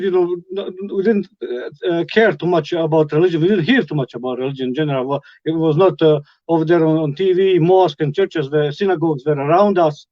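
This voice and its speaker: A middle-aged man from Bosnia with a Bosnian accent, telling his life story as a guest, halting with many fillers and restarts. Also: on the high side, no room sound, muffled recording. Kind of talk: personal testimony.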